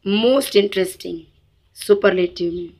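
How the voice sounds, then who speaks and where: A woman's voice: medium pitch, a little mellow. A woman teaching a grammar lesson to children, switching between Hindi and English and drawing out each example word. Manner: slow, deliberate, mixes Hindi and English, drawn-out example words.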